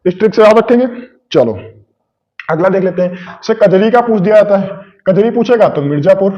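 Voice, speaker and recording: Speaking fairly quickly in a high voice, a male coaching teacher delivers a classroom lecture built on memory tricks, recorded with lo-fi sound. He keeps repeating key points and answers his own questions.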